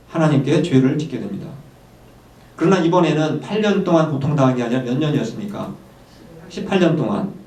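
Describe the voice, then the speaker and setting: A man preaching a sermon in Korean, pausing often on hesitant fillers and slowing to read scripture aloud. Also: fairly high pitch, a little mellow. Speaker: pastor. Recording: echoey room, voice from far off.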